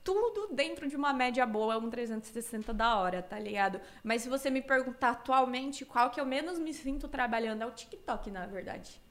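With a Brazilian accent blending Cuiabá and São Paulo, this woman in her twenties from Cuiabá is a streamer guest in a casual, slangy chat full of laughter. She sounds a little high and expressive, speaking a little fast and barely pausing.

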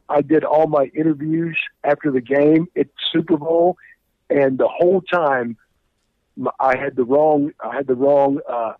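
A man's voice: fairly high pitch, no room sound. An older man in a casual interview over an old flip phone, talking in a folksy, teasing way and repeating phrases for emphasis. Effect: old flip phone call. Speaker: podcast guest, retired radio sports reporter. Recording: tinny narrowband flip phone line.

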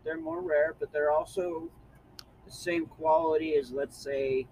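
A male podcast co-host with a slightly high voice, talking in a matter-of-fact way and filling in details. A faint hiss of noise sits under his voice. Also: a little slow, a little mellow, low-quality recording. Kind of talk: casual chat.

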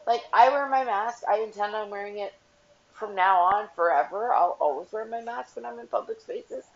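A woman's voice: mid-range voice, normal speed. Blunt, profane woman ranting to camera. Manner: blunt, profane, rambling with frequent "like". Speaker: vlogger, mother. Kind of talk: casual rant to camera. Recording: dull lo-fi audio.

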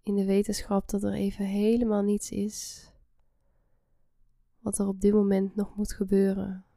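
A woman guiding a relaxation meditation in a soft, soothing, breathy half-whisper. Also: medium pitch, completely flat delivery, a little slow, dry recording, clean studio sound. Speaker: guided meditation host.

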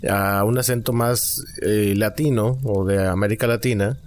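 A man with a Mexican accent, chatting casually as a podcast co-host, relaxed and joking. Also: on the low side, moderate pace, slight background noise. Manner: relaxed, joking, many short agreements. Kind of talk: casual chat.

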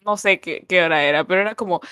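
A young woman co-hosting a casual podcast, telling stories in an animated way and laughing often. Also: fairly low pitch, quick pace, clean tone. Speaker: podcast co-host.

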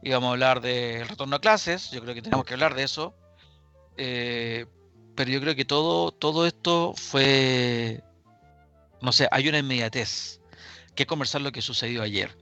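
A man with a Chilean accent hosting a live current-affairs radio show, speaking deliberately with pauses and repeated phrases. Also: medium pitch, sharp tone, faint music behind. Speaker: radio talk show host.

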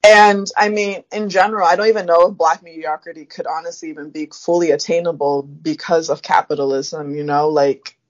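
A young woman from Africa, her voice sitting low, works through her ideas in a casual podcast chat. She is reflective and unhurried and fills pauses often. The sound is a little dull and lo-fi. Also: steady tone. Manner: thoughtful, reflective, many fillers.

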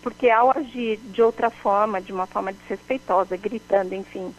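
A woman, a guest expert explaining how to handle emotions in a measured way, often checking in with the host by name. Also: medium pitch, low-quality recording. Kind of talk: calm explanatory advice.

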